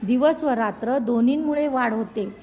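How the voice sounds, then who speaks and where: A woman narrating a storybook in a measured, expressive reading. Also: a little high.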